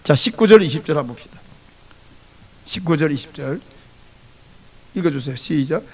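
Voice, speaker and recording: Man, pastor, Sunday sermon, high voice, gravelly, very lively pitch, animated storytelling. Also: moderate pace. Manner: animated storytelling, acts out dialogue in varied voices.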